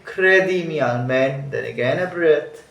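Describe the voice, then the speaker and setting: A man's voice: a little high, a little slow, gravelly, fairly bright tone. A man teaching a song, explaining each phrase, thinking aloud and correcting himself. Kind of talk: music lesson walkthrough. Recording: roomy echo.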